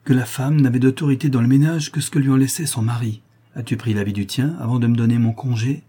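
A man's voice: fairly low pitch, fairly even intonation, quick pace, warm tone, breathy edge. A man reading aloud and voicing a proud, bitter young woman who speaks haughtily and cuttingly. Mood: spiteful.

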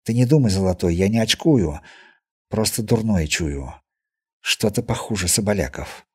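A man reading the lines of a wary male caravan guard who speaks low and uneasy. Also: lively intonation, normal speed, a little mellow, breathy edge. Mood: uneasy, hushed.

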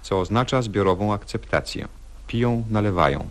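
Deadpan man reading stage directions. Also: lowish voice, normal speed. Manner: dry, deadpan. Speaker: sketch narrator.

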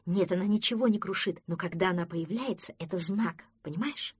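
A woman voicing a calm, patient male friend who explains things in a children's audiobook. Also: on the low side, fairly quick, slightly rough, dry recording, clean studio sound. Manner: gentle and explaining.

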